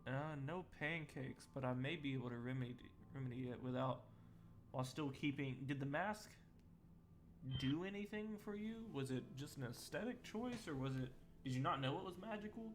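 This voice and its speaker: A man's voice: medium pitch, normal speed, slight background noise, close to an everyday voice. A man voicing a kindly male farmer who hosts travellers, asking concerned questions and correcting himself as he goes. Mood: concerned, curious. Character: friendly male farmer host, curious and helpful.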